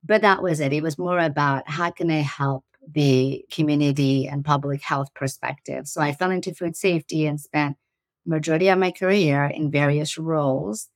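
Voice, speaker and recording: A low-pitched woman in her forties from Iran, a startup CEO appearing as a guest, answers interview questions earnestly and laughs easily. She has a slight Iranian accent and speaks at normal speed, with no room sound.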